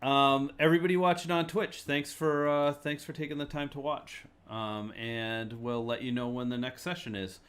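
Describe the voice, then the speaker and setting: This is a man running a tabletop game stream, closing out the night as game master. His voice sits at an ordinary middle pitch, and he talks in a loose, unhurried way, filling his pauses with lots of ums. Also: slight background noise. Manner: relaxed, hesitant, many ums.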